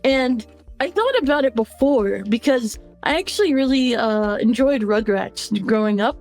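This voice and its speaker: A young woman with a strikingly high, boyish voice chats casually as a podcast guest. She giggles often and answers with easy warmth. Soft music sits faintly under the talk. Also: animated. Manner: giggly, quick to laugh, youthful boyish voice. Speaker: voice actor guest.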